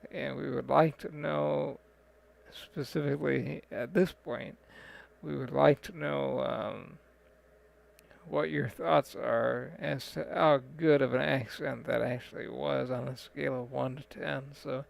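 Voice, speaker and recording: A man's voice: fairly high pitch, vocal fry, poor audio. A man giving casual, rambling live-stream commentary on a flight sim, full of fillers and restarts.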